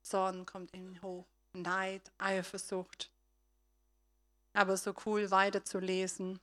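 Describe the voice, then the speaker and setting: A woman giving a sermon, retelling a story and speaking straight to her listeners, her loudness swinging between soft and strong. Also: mid-range voice, completely flat delivery, slow. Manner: retells a story with acted voices. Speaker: preacher.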